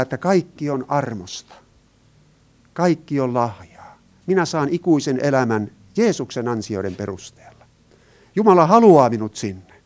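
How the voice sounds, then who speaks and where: Preaching to his congregation, this man asks rhetorical questions and lets his emphasis rise and fall as he drives his points home. His voice is slightly high and a little mellow.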